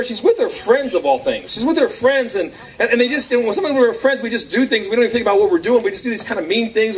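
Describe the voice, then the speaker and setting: Animated high-voiced man preaching to youth. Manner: animated, acts out quotes, laughs often. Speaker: youth speaker. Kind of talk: lively youth sermon. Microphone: camcorder from across the room. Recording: distant camcorder sound, faint crowd.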